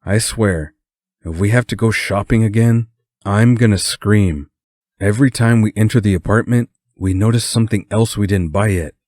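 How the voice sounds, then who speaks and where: A man's voice: lowish voice, moderate pace, darkish tone, no echo, studio quality, voice pushed up, lightly acted. A man voicing a sleepy young man in a storybook reading, groaning and whiny. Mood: grumbling.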